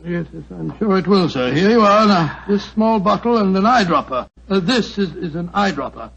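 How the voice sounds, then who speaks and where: An actor playing a genial, blustery English doctor in 1940s radio style, bumbling and stammering with a British accent. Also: male voice, sits high, lively intonation, normal speed, gravelly, fairly bright tone, slightly rough, full character voice. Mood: kindly, fussing. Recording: muffled, noisy old 1940s radio recording.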